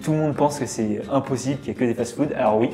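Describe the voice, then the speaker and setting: Mellow young Parisian man, chatty. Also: mid-range voice, quick pace, soft background music. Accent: Parisian French. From France. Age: young adult. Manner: relaxed, chatty, full of filler words. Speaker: interview guest. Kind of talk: casual interview chat.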